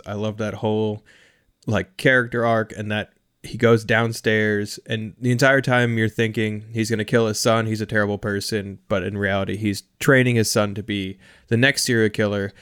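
A man's voice: fairly low pitch, a bit bright, smooth. A man co-hosting a podcast, chatting casually and enthusiastically about a horror film. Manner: enthusiastic, joking. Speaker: podcast co-host. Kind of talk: casual movie discussion.

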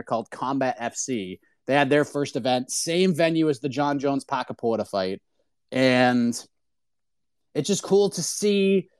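Male host, slightly high voice, casual sports chat, dry close sound. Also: no room sound. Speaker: host of an MMA talk show.

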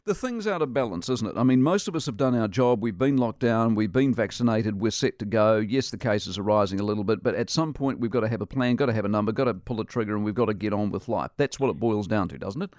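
A man's voice: fairly low pitch, quick pace, hardly any pauses, darkish tone, dry recording, studio quality. A middle-aged man with a New Zealand accent hosting a talk radio interview, blunt and opinionated. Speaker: radio host.

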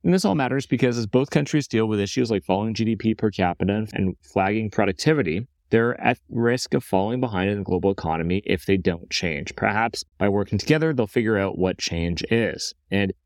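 A man hosts a business news podcast, his voice sitting on the lower side. He reads the script at a brisk clip and slips in wry joking asides. The sound is close and dry, like a studio microphone with no room around it. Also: dry recording. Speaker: podcast host.

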